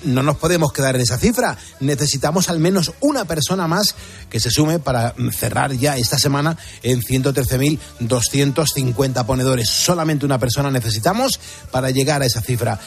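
A man from Spain with a husky voice, hosting live radio and talking with a listener. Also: a little high. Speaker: radio host.

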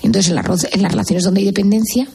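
A woman's voice: mid-range voice, fairly even intonation, racing, vocal fry, a little mellow, slightly rough. A woman with a Spain Spanish accent, a psychiatrist guest on a radio show, explaining earnestly and posing example questions.

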